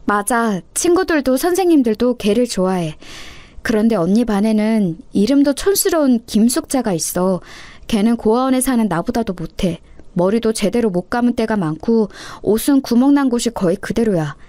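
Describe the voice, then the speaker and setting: A woman's voice: on the high side, lively intonation, normal speed, dry recording, close to an everyday voice. A woman voicing an earnest orphan girl who firmly comforts and lectures her little sister. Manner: firm, gently scolding.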